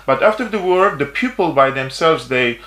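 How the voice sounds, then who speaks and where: A man's voice: fairly high pitch, lively intonation, fairly bright tone. Syrian man explaining, in a roomy echo. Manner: measured, explanatory, frequent hesitations. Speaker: political journalist guest. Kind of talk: interview answers.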